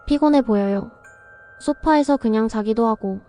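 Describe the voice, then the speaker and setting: A woman's voice: on the high side, moderate pace, dark tone, faint music behind, close to an everyday voice. A woman voicing an innocent little granddaughter. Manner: short, simple, guileless answers. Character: small young granddaughter, innocent and candid.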